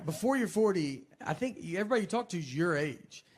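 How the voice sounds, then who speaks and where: A man in his forties performs stand-up in a relaxed, understated way, rambling through his bits. His voice sits a little higher than most men's. A faint hum of noise runs underneath. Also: fast talker. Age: 40s. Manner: laid-back, understated storytelling with many "like" fillers. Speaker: stand-up comedian. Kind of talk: stand-up routine.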